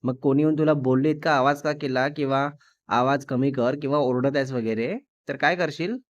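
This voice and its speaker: A man's voice: mid-range voice, steady tone, no room sound, dull audio, natural voice. A man voicing a fiery, demanding young woman who scolds her fiancé. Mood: annoyed. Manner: scolding, quick to anger.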